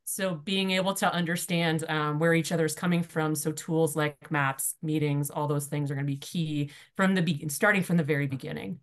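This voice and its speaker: A woman on a video call giving a quick, informal report from her breakout group, talking fast with lots of "um" and "you know". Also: sits low, steady tone. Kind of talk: online workshop report-out.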